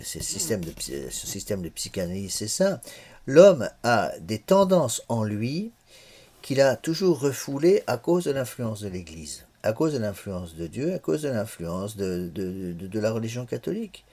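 In his sixties, a man lectures a class on religious morals in a husky, mellow voice that swings widely in pitch. He often stalls, repeating small words several times before moving on.

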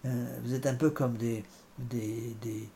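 Male priest, sermon delivery, halting and repetitive, faint background noise. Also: mid-range voice, fairly even intonation, mellow. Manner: halting, repeats words, frequent fillers. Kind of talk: sermon with scripture commentary.

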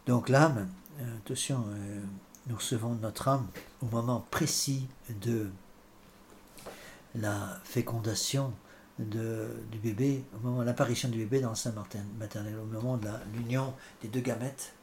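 A man's voice: mid-range voice, steady tone, darkish tone. Guy preaching a sermon, stops and repeats himself a lot, bit of hiss behind. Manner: halting, repeats words, frequent fillers. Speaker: priest. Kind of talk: sermon with scripture commentary.

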